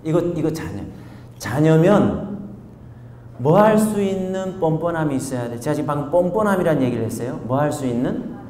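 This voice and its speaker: A male pastor delivers a revival sermon in a reverberant hall, his pitch rising and falling with lively emphasis. He keeps turning to the congregation with questions. A faint ambient hum sits behind the voice. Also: moderate pace. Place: church revival tent meeting.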